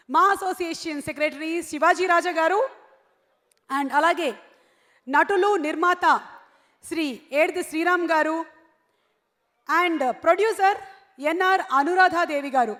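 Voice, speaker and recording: A woman's voice: very high-pitched, moderate pace, long pauses, fairly bright tone. A woman anchoring a stage event, announcing guests into a stage microphone. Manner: announcing, mixing in English. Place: stage in a hall. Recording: echoey hall over stage PA.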